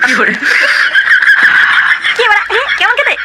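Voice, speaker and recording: A man's voice: extremely high pitch, big pitch swings, normal speed, heavy background noise. A man voicing the characters in a crude comic cartoon, slangy and swearing constantly. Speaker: cartoon narrator and voice of several characters.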